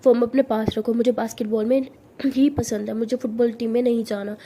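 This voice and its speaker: High, soft voice; a woman does a defensive, stubborn college girl, storybook reading. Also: little pitch movement, a little fast. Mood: huffy. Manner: defensive, huffy.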